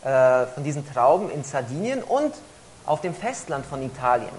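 A woman interpreting a talk phrase by phrase, often pausing and hesitating as she searches for words. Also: extremely low pitch, big pitch swings, darkish tone, rough recording. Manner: frequent hesitations while rendering each phrase. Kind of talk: consecutive interpreting into German.

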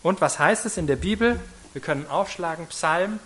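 A man delivering a church sermon with strong emphasis, his voice sitting a little high for a man. He swings between loud, stressed words and quiet, drawn-out phrases, often checking in with the congregation through short rhetorical questions. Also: expressive. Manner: emphatic, varying loudness, slows on key phrases, asks the congregation "oder?". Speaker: preacher.

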